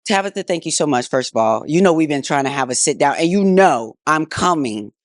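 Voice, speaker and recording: A woman's voice: sits low, expressive, a little fast, dry recording, clean studio sound. A woman hosting a casual interview, effusive and playful, with slangy speech. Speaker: host.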